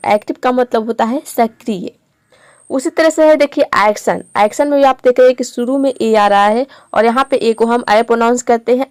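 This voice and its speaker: A woman's voice: fairly high pitch, a little mellow, no echo, clean studio sound. A woman giving a video lesson on English pronunciation, explaining each rule patiently and repeating the example words. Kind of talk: classroom-style video lesson.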